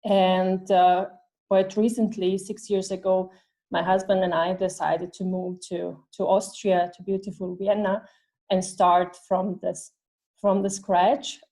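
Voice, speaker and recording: A woman, a guest telling her story in an interview, halting and restarting phrases as she searches for words. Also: medium pitch, flat delivery, warm tone, rough recording. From Bosnia and Herzegovina. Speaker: guest, business development leader. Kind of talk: casual interview conversation.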